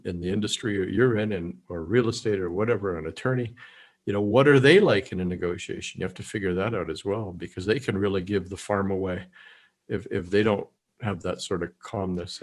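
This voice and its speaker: A middle-aged man from Canada, a guest in a casual interview, speaking calmly and telling stories. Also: lowish voice. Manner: calm, even-keel storyteller who drops in quoted lines. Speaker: guest, negotiation expert.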